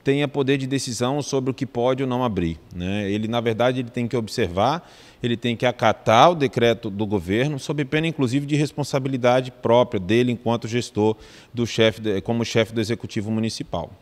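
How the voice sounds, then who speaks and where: A man with a Brazilian Portuguese accent, a legal adviser explaining a decree in a measured, formal way with frequent restarts. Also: medium pitch, in a large hall.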